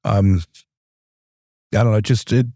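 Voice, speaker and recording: Laid-back man host, warm dark voice. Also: fairly low pitch, steady tone, moderate pace, no room sound, studio quality. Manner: laid-back, stammers and repeats words. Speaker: podcast host. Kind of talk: casual chat.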